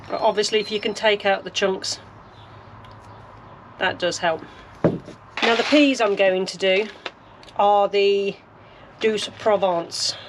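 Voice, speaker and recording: A woman's voice: medium pitch, background noise. A woman from the UK narrating her allotment sowing as she works, chatty and practical, thinking aloud. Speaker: gardening vlogger. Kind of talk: casual narration while working. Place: allotment greenhouse.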